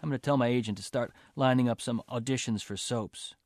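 A man's voice: mid-range voice, a little fast, darkish tone, dry recording, close to an everyday voice. A man voicing a resentful young male college athlete who turns sarcastic and bitter in a story reading. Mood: boastful.

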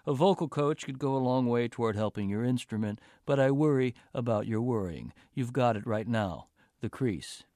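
A man voicing a blunt, deliberate male drama professor in a read-aloud story. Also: medium pitch, animated, dark tone, no echo, studio quality, natural voice. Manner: blunt, measured.

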